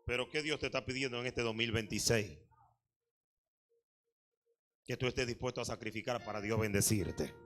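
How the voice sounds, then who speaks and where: A man's voice: medium pitch, moderate pace, long pauses, fairly bright tone, faint music behind. A male pastor preaching a Sunday sermon in church, emphatic and repetitive, often asking the congregation questions. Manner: emphatic preaching, repeated phrases. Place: church service.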